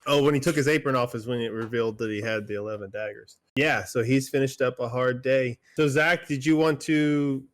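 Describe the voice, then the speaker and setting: A man's voice: medium pitch, fairly even intonation, brisk, few pauses. A man narrating as game master in a tabletop game, casual and rambling, full of fillers.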